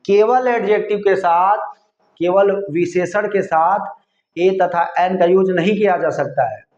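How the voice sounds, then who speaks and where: A man teaching English grammar in Hindi, explaining slowly and repeating himself, spelling words out letter by letter. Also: high voice, a little mellow. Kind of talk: Hindi-language grammar lesson. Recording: echoey room, slightly dull sound.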